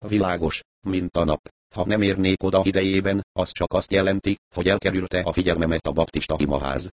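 A man voicing a weary, polite man who answers in a dry, measured way. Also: sits low, fairly even intonation, dry recording, lightly acted. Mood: dry, reserved.

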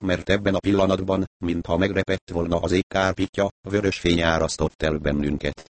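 A man narrating an audiobook in a steady first-person storytelling manner. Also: deep voice, no room sound.

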